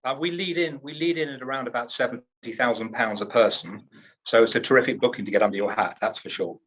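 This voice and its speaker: A man's voice: medium pitch, quick pace, fairly bright tone, slightly rough, muffled recording. A man from the UK, a cruise line executive in a trade interview, talks up his company in an upbeat, salesy way and often restarts his words.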